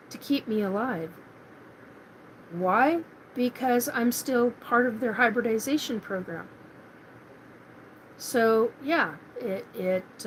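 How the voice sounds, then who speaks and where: A middle-aged woman from Washington State hosts a live paranormal chat, rambling casually with lots of fillers and restarts in a monologue-style stream. Her voice is a little high, and the poor audio has a slight hiss or hum.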